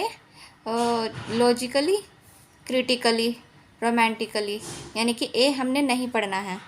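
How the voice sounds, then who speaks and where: A woman teaching English silent letters in an online lesson, patiently repeating each rule and asking herself questions before answering them. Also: on the high side.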